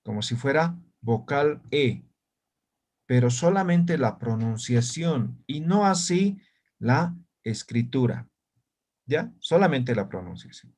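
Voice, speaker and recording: Slow-spoken teacher. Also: male voice, medium pitch, animated, a little mellow. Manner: explains slowly, often checks understanding with short tag questions. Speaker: language teacher. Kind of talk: online language lesson.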